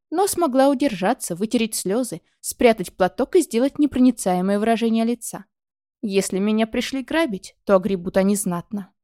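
A woman narrating a first-person audiobook in an expressive, lively storytelling manner. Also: a little high, no room sound, clean studio sound.

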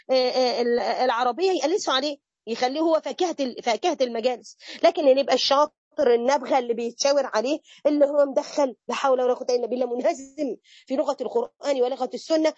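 A woman with an Egyptian accent giving a religious lesson to women, lively and mixing classical phrases with colloquial chat. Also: sits high, no room sound, muffled recording. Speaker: religious teacher.

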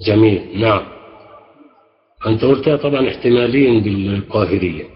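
A man's voice: fairly low pitch, brisk. Patient Egyptian man teaching Arabic grammar. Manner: patient, prompting, approving. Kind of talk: interactive class with questions to students. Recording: echoey, dull lo-fi sound.

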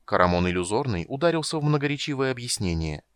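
A man reading an audiobook with steady, measured storytelling. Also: mid-range voice, clear, resonant tone, dry recording, studio quality. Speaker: audiobook reader. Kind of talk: scripted narration.

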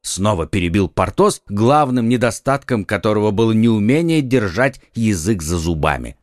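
Man reading an adventure audiobook, really animated, dry close mic. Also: on the low side, normal speed, no room sound. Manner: expressive, theatrical reading. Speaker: audiobook narrator. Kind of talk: scripted narration of a classic adventure novel.

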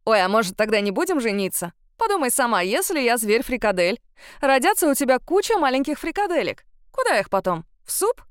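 A woman's voice: mid-range voice, sing-song, normal speed, clean tone, dry recording, studio quality, close to an everyday voice. A woman voicing a cocky young man who banters playfully in an audiobook. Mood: teasing.

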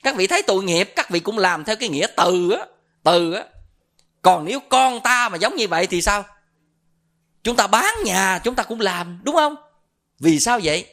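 In a Buddhist dharma talk, a middle-aged monk with a Southern Vietnamese accent tells stories and asks his listeners questions to quiz them. He sounds high-pitched and expressive, with a fairly bright tone, at a moderate pace.

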